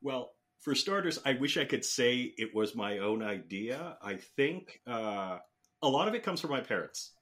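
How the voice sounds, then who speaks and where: A man's voice: mid-range voice, lively intonation, a little slow, a bit bright. A man in his fifties from the Philippines, a guest telling his story in a rambling, chatty way with many fillers and restarts. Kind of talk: casual interview talk.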